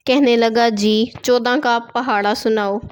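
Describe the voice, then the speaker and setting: A woman storyteller reads a long storybook tale aloud in a smooth, clear voice pitched a touch above the usual. She keeps a steady, gentle pace and blends the characters' lines into her narration.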